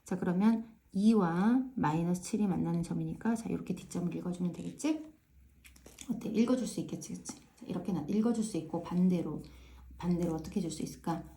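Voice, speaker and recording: A fairly low, mellow voice with vocal fry belongs to a math teacher talking a little fast in a relaxed classroom way. She breaks problems into steps, pacing them with the filler "ja" and checking in with tag questions like "right?".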